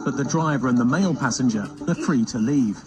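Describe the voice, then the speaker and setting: A man narrating a parody police documentary in a deadpan, scripted manner. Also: medium pitch, brisk. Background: loud background music.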